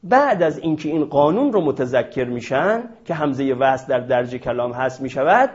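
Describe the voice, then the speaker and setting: A man's voice: on the high side, darkish tone. A man teaching a class at a board, explaining a rule step by step and posing questions to his students. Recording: dull lo-fi recording.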